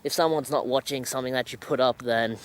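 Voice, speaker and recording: A man's voice: mid-range voice, steady tone, quick pace. A young Australian man chatting casually to a handheld camera, breathing heavily as he walks outdoors. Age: young adult. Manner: heavy breathing while walking. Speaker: vlogger. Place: outdoors at night, walking in a suburban riverside area. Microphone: handheld camera at arm's length.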